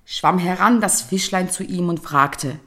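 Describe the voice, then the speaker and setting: A woman reading a fairy tale aloud in a measured, solemn storytelling manner. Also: on the low side, a bit bright.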